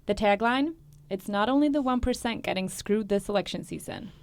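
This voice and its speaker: Woman news anchor reading intros, crisp and even. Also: mid-range voice, a little fast, dry recording.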